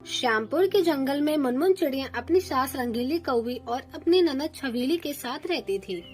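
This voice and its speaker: High-voiced woman narrating a cartoon story. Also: normal speed, faint music behind. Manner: steady storytelling.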